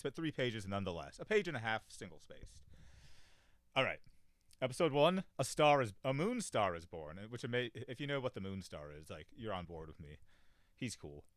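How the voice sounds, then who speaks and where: A man with a lowish voice talks in a loose, rambling way and fills his sentences with fillers. His pitch jumps around a lot, and he stays offhand and pokes fun at himself. The sound is dry and close, with no room echo. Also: a bit bright. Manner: rambling, many fillers, offhand and self-deprecating. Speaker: show host. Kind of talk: casual solo commentary.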